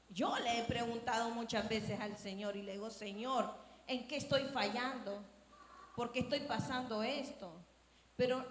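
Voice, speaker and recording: A woman from the congregation, speaking reflectively into a passed microphone during a church Bible study. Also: a little high. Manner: reflective, earnest, some restarts. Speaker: congregation member. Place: church hall. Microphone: handheld microphone passed to her. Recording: echoey church hall with faint background noise.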